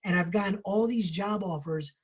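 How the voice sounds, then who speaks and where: Man, book club co-host, husky voice, animated storytelling, casual swearing. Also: sits high, normal speed.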